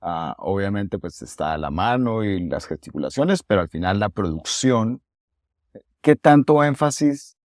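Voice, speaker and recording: A man with a fairly low voice hosting a podcast interview, keen and chatty, with frequent restarts as he builds his point. The sound is dry and close. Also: expressive, unhurried, darkish tone, dry recording. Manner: enthusiastic, conversational, often repeats words. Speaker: podcast host, English coach. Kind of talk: casual interview.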